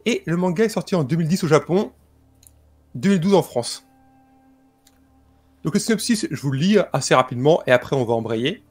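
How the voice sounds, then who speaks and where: A man presenting a book and its history informally, in a calm, explanatory way. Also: mid-range voice, husky. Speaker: guest presenter.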